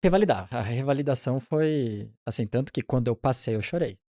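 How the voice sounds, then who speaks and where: A man in his forties, a pediatric neonatologist, telling his career story in a relaxed, chatty interview with frequent restarts. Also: mid-range voice, fairly quick, no room sound, clean studio sound.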